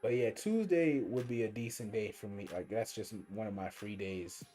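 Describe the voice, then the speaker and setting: Speaking at a moderate pace in a fairly low, mellow voice, a young man streams himself playing a mobile game. His casual commentary is rambling and slangy, like he's thinking aloud, while faint game music runs in the background.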